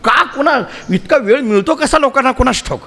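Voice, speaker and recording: A man's voice: very high voice, lively intonation, normal speed, bright, forceful tone. A man preaching and telling stories to a live audience, chatty and humorous, often asking the listeners questions. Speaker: kirtan preacher. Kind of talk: sermon storytelling. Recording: long hall reverb.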